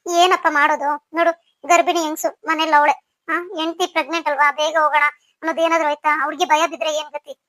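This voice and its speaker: Cartoon mother, middle-aged, scolding and fretful, grumbling tone, voiced by a woman; high and fast. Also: little pitch movement, pushed and bright, no echo, studio quality. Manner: grumbling and complaining. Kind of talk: cartoon story voice acting.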